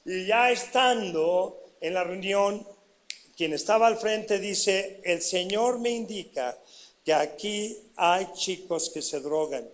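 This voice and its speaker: A middle-aged pastor with a Mexican Spanish accent preaches his testimony in a high, bright voice. He tells the story with lively energy and keeps turning to the congregation with questions. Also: takes it slowly. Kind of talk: sermon testimony.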